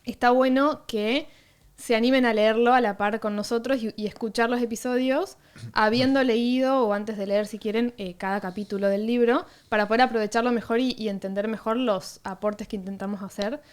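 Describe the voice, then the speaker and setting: A woman's voice: on the high side, steady tone, normal speed. A woman co-hosting a podcast, explaining things in a casual, conversational style. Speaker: podcast co-host.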